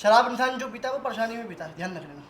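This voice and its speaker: A young man hosting a prank vlog, teasing and animated with his family. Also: very high-pitched, racing, a loud crowd. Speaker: vlogger. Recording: echoey room.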